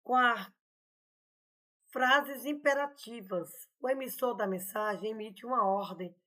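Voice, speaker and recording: A woman's voice: fairly high pitch, unhurried, bright, forceful tone. A woman teaching a grammar lesson online, in a chatty, explanatory way that keeps checking in with her students. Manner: chatty, explanatory, often adding "né?" and "tá, gente?". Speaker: Portuguese teacher.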